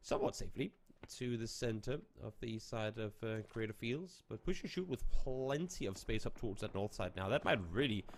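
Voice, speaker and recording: A man calling live esports play-by-play in a steady way, lifting his energy when action breaks out. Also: medium pitch, a little fast, slight background noise. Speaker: esports caster.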